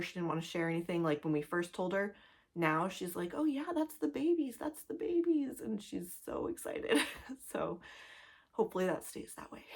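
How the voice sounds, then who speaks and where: A pregnant woman in her thirties chatting casually to camera as a cross-stitch vlogger, laughing often and a little out of breath, full of likes and ums. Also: on the low side. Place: home, two-bedroom apartment.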